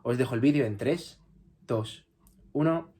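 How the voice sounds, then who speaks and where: A man's voice: mid-range voice, measured pace, mellow. A male teacher, explaining grammar patiently and often checking with the class. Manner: patient, repeats and checks with "¿vale?". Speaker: English teacher.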